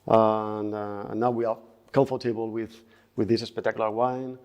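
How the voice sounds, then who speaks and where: A man's voice: lowish voice, flat delivery, moderate pace, a little mellow, clear, resonant tone. A man interviewing a guest over wine, enthusiastic and sometimes searching for English words. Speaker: interviewer, lawyer.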